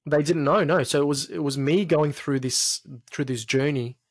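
Sharing personal stories in a podcast conversation, a man in his late thirties from Egypt and Australia speaks with a fairly high pitch. He comes across as reflective and halting, often repeating phrases. He sits indoors in a small home studio, close to a podcast mic on an arm.

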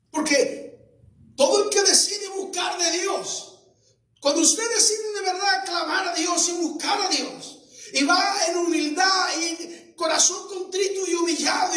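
Fervent male pastor with a very high voice, shouting sermon, echoey room, off mic. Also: recorded from a distance.

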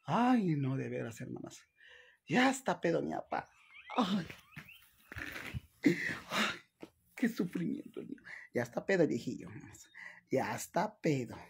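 A man's voice: fairly high pitch, sing-song, slow, gravelly, pauses often. A man with a Mexican accent chatting on a live stream, dramatic and full of exclamations, calling his viewers "sisters". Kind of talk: casual live-stream chat.

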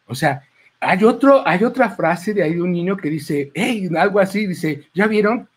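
A man's voice: sits high, expressive, normal speed, breathy edge. A man with a Mexican accent, a clown, giving a chatty, rambling speech into a handheld microphone at a book presentation. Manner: rambling, chatty, full of asides and quoted lines. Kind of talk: informal speech at a book launch. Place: presentation table at an event.

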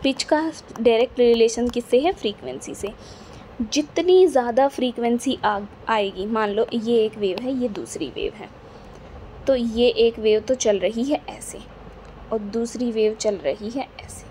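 A woman explains physics to students in a classroom lecture, her voice fairly high yet dark in tone, and her delivery unhurried. There's slight background noise. She repeats key points with patience and keeps checking that everyone follows.

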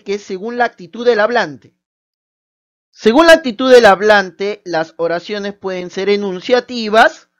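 A woman teaching a recorded grammar lesson, explaining step by step and asking the listener questions as she goes. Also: on the low side. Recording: slightly dull lo-fi audio.

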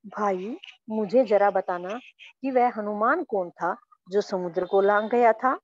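An old male monkey, weak and gentle, speaks in a soft, plaintive storybook voice, as a woman teacher reads him out. The sound is dull and dry, with little room tone around it. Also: mid-range voice, unhurried, no room sound, close to an everyday voice. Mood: weary.

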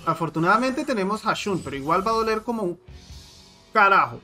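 A man streaming a game, excitably commenting and swearing loudly at it, now and then dropping into English. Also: sits high, fast talker, faint music behind. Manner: loud outbursts and swearing at the game; code-switches into English exclamations. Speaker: gaming streamer. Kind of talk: excitable live gameplay commentary.

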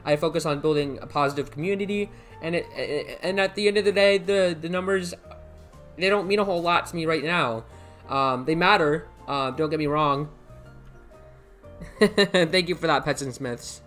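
Soft background music accompanies this young American streamer, whose voice is a little high and a bit bright at a moderate pace. Chatting casually over a headset mic at his computer in an indoor room, he reads chat messages, thanks viewers by name, rambles, and repeats himself.

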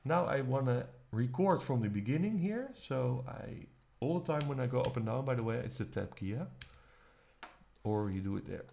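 Gravelly man explaining music software. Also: mid-range voice, normal speed, slight background noise. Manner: relaxed step-by-step explaining, casual. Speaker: music production teacher. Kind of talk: screen-recorded software tutorial. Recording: faint music playing behind. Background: faint music.

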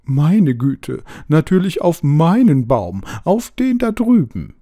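Hoarse cranky owl, bossy and huffy, pitched way up and loud, as a guy reading puts it on. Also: sing-song, takes it slowly, dry recording, exaggerated voice. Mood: bossy, frantic. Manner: indignant, bossy, impatient. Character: furious, soaked, selfish owl. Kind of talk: audiobook character voice.

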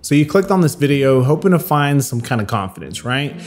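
A man's voice: mid-range voice, big pitch swings, fairly quick, faint music behind. A man in his twenties with a congested, nasal voice, casually vlogging to camera in a chatty, joking and self-deprecating way. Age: 20s. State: nasal, recovering from illness. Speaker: YouTube creator. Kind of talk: casual talking-to-camera vlog.

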